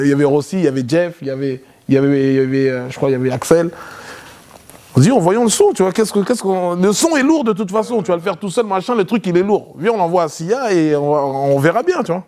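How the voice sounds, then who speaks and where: A man, a guest in a casual interview, telling a story in an animated way. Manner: animated, acts out quotes in a loud high voice.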